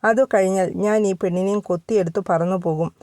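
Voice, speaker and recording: A woman's voice: medium pitch, steady tone, brisk, dark tone, no room sound, studio quality, natural voice. A woman voicing a playful young man teasing his sweetheart, in a storybook reading. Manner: teasing, self-assured.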